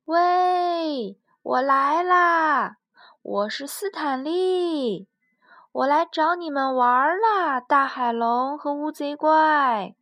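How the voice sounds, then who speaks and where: A woman's voice: a little high, big pitch swings, takes it slowly, gravelly, fairly bright tone, no room sound, exaggerated voice. A woman voicing a brave, cheerful young sea explorer who reassures his friends. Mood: excited. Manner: bold, reassuring.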